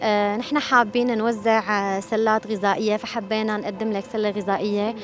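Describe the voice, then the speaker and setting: A woman's voice: medium pitch, little pitch movement, quick pace. A woman with a Syrian Arabic accent, working as an interviewer on camera in the street. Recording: background music under voice.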